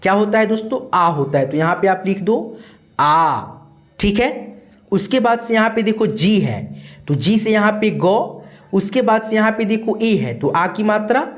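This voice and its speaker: A man's voice: high voice, lively intonation, a little slow. A man teaching an online lesson, explaining letters and spelling step by step in a patient, repetitive way and addressing viewers as friends.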